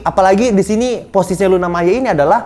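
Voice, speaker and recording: A woman's voice: mid-range voice, rapid-fire, warm tone, faint music behind. A young woman, hosting a casual film review chat in a blunt, mocking way and swearing freely. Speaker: film reviewer, channel host.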